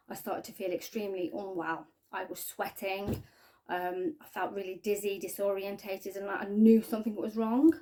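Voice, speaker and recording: A woman tells her own story straight to camera in a mellow, warm voice. She speaks haltingly and earnestly, often trailing off into quiet restarts. Her pitch sits in an ordinary middle range for a woman. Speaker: spiking victim sharing her story. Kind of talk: personal testimony to camera.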